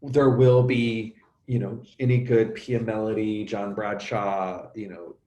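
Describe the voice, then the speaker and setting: A middle-aged man talking openly as an interview guest, animated and halting, often restarting and acting out sounds. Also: lowish voice, reverberant. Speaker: actor and coach, interview guest. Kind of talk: emotional conversational interview.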